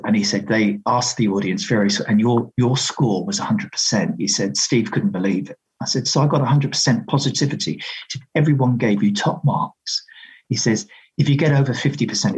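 A man's voice: mid-range voice, normal speed, husky, low-quality recording. A middle-aged man, a radio presenter reminiscing conversationally in an interview. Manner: conversational anecdotes, quoting others' remarks.

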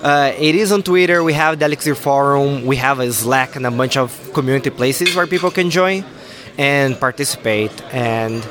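A man speaking as a conference guest in a middle-pitched voice. He answers hesitantly, with many fillers as he searches for his words. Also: moderate pace, a crowd in the background. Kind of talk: interview answers.

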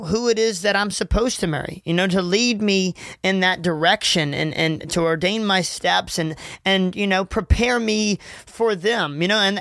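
A man's voice: high-pitched, a bit bright, no echo, clean studio sound. Earnest young man hosting a faith podcast. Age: 20s. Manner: earnest, rambling, many fillers and restarts. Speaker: podcast host.

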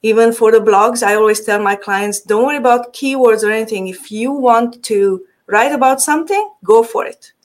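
A woman from Transylvania with a Hungarian accent chats as a marketing guest in a casual interview, full of fillers, restarts and easy laughter. Her voice is on the high side, at a moderate pace with hardly any pauses.

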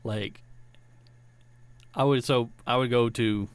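A man's voice: medium pitch, fairly even intonation, slow, clear, resonant tone, dry recording. A man chatting casually on a podcast, rambling through stories with frequent restarts and laughter. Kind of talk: casual chat.

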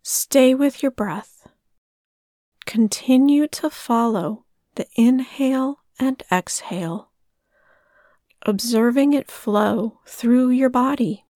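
A woman leading a guided breathing meditation in a soft, soothing way. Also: on the high side, takes it slowly, no room sound, studio quality.

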